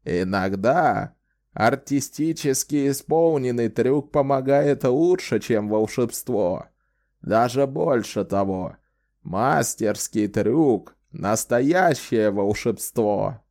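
A man voicing a sly, wry old male wizard who talks in a slow, theatrical, teasing way in an audiobook. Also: medium pitch, lively intonation, a little mellow. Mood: lecturing. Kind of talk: audiobook character voice.

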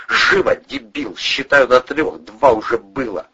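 Brief: a man playing a harsh, husky-voiced thug in an audiobook, louder and higher than the narration, snapping threats. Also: extremely slow, lo-fi sound, exaggerated voice. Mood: barking threats. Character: menacing male gangster barking orders.

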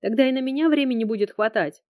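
A woman voicing a shrill, hurt young friend. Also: fast, dry recording, clean studio sound, lightly acted. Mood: hurt, shouting. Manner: loud, tearful reproach.

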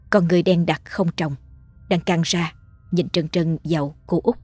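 Low-voiced woman narrating a ghost story. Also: dark tone, no room sound. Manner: measured, ominous storytelling. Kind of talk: scripted horror story narration.

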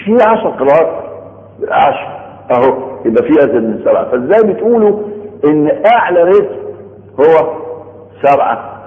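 A man with an Egyptian Arabic accent lecturing on religious studies, explaining patiently, repeating his points and checking that listeners follow. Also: medium pitch. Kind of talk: Egyptian colloquial lecture on Quran sciences. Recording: echoey hall on a tinny phone-like line.

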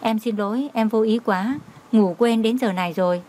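A woman's voice: fairly high pitch, moderate pace, natural voice. A woman playing a sweet, coaxing young woman. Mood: apologetic. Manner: soft, coaxing.

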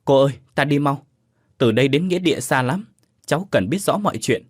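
A man's voice: a little high, animated, brisk, slightly rough, no echo, studio quality. A man playing a distraught young son, voice rising. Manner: pleading, agitated outbursts. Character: anxious young man, grieving and vengeful.

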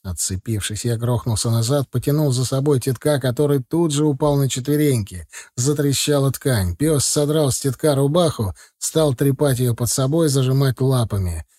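A man narrating a first-person audiobook with steady, even storytelling. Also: mid-range voice, moderate pace, hardly any pauses, dry recording, clean studio sound.

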